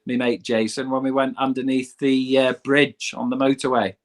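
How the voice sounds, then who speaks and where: A man talking as a guest in a casual podcast chat, with a medium-pitched voice. He comes across as easygoing and self-deprecating and laughs often. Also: little pitch movement, moderate pace. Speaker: guest, van camping vlogger.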